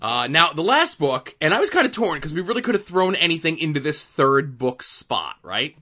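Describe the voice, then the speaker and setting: Bright-voiced man chatting about comics. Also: fairly high pitch, very animated, moderate pace, dull audio. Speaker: comic book podcast co-host. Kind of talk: casual chat reviewing comics.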